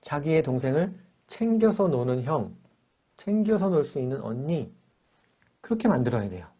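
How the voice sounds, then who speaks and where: Lively, fairly high-voiced church teacher man. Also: normal speed, slightly rough, dull audio. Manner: lively, acts out dialogues with children. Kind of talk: character-training lesson for children and parents. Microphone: video call.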